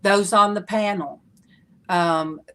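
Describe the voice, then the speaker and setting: A woman's voice: mid-range voice, fairly even intonation, slow, pushed and bright. A woman with a Southern US accent and a drawling delivery, chatting casually as the host of a live show.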